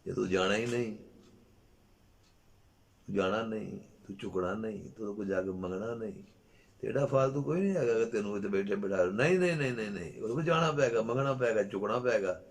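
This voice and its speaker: A man with a Punjabi accent giving a Sufi spiritual talk, impassioned and often rising to loud exclamations. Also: lowish voice, fairly quick, creaky. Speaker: Sufi speaker.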